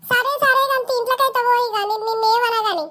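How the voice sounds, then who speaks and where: A woman's voice: very high voice, steady tone, sharp tone, voice pushed up. A woman voicing a bossy village wife in a cartoon, scolding brusquely in a Telangana accent. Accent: Telangana Telugu. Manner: scolding, brusque, rapid-fire. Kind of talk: cartoon voice acting.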